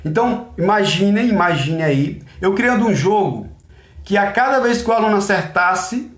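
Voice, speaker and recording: Man, high voice, teacher, casual lecture, rhetorical questions, reverberant room. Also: animated, moderate pace. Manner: conversational, asks and answers his own questions. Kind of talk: recorded class lecture.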